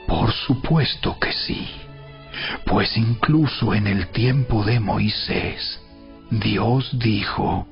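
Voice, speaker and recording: A man's voice: on the low side, extremely slow, creaky. A man giving solemn, emphatic, rhetorical narration in a dramatized reading of scripture. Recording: dull sound with background music. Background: music.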